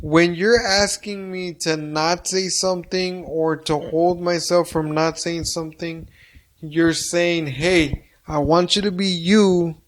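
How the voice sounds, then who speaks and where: Speaking slowly in a fairly high voice, a stand-up comedian chats on a casual podcast. He's blunt, profane and animated as he tells his stories. There's heavy echo in the room.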